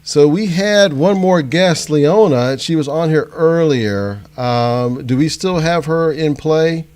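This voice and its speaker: A man's voice: a little high, slow pace, a little mellow, clear, resonant tone. A man hosting a live online panel, chatting in a friendly way over a video call and laughing easily. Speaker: host. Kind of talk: casual live panel chat.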